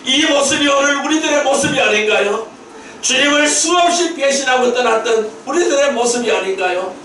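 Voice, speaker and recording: A man pastor delivering a Sunday sermon, emphatic, asking rhetorical questions and rising to shouted peaks, recorded in a church sanctuary. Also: extremely high pitch, lively intonation, moderate pace, slight background noise. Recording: very echoey hall, mic at a distance.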